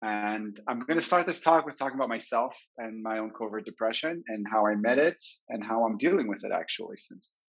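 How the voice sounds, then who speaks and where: A man in his forties from Israel, a therapist giving a webinar talk, telling his own story in a candid, reflective way, heard through low quality webinar stream audio. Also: animated, fairly quick, hardly any pauses. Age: 40s. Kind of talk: personal storytelling lecture. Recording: dull lo-fi webinar recording.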